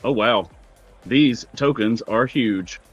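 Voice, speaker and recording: A man's voice: medium pitch, takes it slowly, breathy edge, highs cut off. A man running a tabletop role-playing game as game master, narrating in a casual, conversational way. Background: music.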